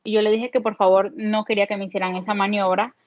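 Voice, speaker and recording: A woman's voice: medium pitch, fast, no room sound. Panamanian lady, young, candid chatty storytelling, lots of "eh", kinda dull lo-fi audio. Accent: Panamanian Spanish. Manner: candid, animated retelling with many fillers. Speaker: guest mother. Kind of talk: personal storytelling.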